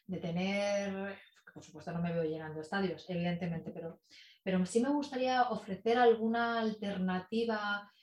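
A woman guest talking about public speaking in a chatty, expressive and playful way, in a casual in-person interview. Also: mid-range voice, moderate pace. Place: in person in a room with the host. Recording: echoey room.

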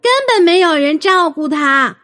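A woman's voice: very high-pitched, expressive, normal speed, a bit bright, faint music behind, pitched above the performer's own voice. A woman voicing a caring young girl who talks in an urgent, pleading way. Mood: indignant.

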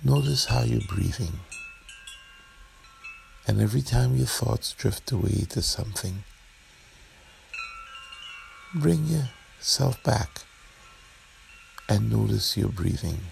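A man with a very low, heavily creaky voice guides a meditation, speaking very slowly and gently in brief phrases with long pauses. His delivery is soothing yet animated, and the poor audio carries ambient chimes and background noise.

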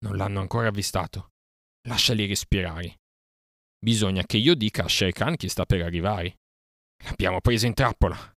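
A man's voice: on the low side, normal speed, no echo, clean studio sound. A man voicing a bold boy raised by wolves, giving urgent orders in an audiobook reading. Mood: calm scheming. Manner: urgent shouted commands.

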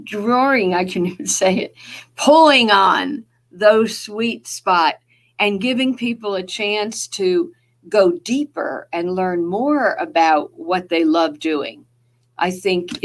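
A woman with a New Jersey accent, a guest author in an interview, speaking thoughtfully and measured, with pauses and fillers. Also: on the low side. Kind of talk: podcast interview.

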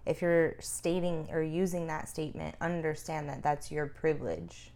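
A woman co-hosts a casual advocacy talk, speaking in an informal, emphatic way and repeating herself to drive her points home. Her low, dark voice moves at a moderate pace.

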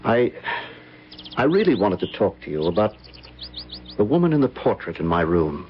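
Playing a nervous, haunted gentleman who recounts terrors from decades ago, an actor narrates his tale in first person for an old-time radio drama. His somewhat low voice is very animated, fascinated and eager, fraught and dramatic at a normal speed. The dull vintage recording has slight background noise and loud music behind.

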